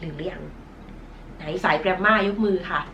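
A Thai woman with a nasal voice, which she's self-conscious about, teaches English verbs in a recorded online lesson, patiently drawing out model pronunciations. Her voice is lowish and fairly bright, at a moderate pace. The highs are cut off, and there's a little hiss or hum.

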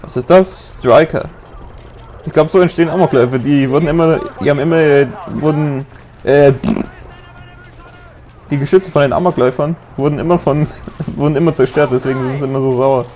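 A young man talks his way through a shooter game in a loose, joking commentary, often breaking into yells at what happens on screen. His voice sits a little high for a man. Faint game noise runs underneath. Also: fairly even intonation, brisk. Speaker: let's play gamer. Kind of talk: casual gameplay commentary.

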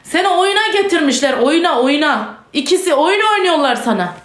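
A woman's voice: high voice, animated, a little fast, reverberant. A distraught woman ranting in an emotional vlog, agitated, repeating herself, cursing and crying out to God. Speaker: vlogger.

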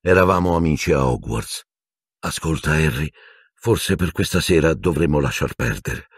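A man voicing a kind but careful adult wizard teacher in an audiobook, calm and measured. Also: very deep voice, slightly rough, no room sound, clean studio sound, full character voice. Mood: gentle. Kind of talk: audiobook character voice.

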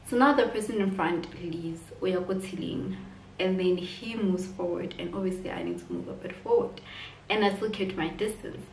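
A woman's voice: on the low side, big pitch swings, normal speed, vocal fry, a little mellow, far from the mic. A young woman chats through a personal story, looping back with fillers as she goes. She sits some way off the camera's own mic in a roomy space. A faint hiss stays in the background. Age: 20s. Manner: rambling, filler-heavy retelling with "like" and "whatsoever". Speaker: vlogger.

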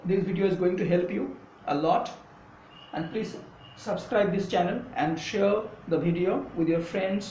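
A man's voice: high voice, a little mellow. A man teaching English pronunciation, explaining patiently and spelling words out letter by letter, switching into English phrases. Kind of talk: spoken lesson to camera. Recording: echoey, dull, slightly distant with faint hum.

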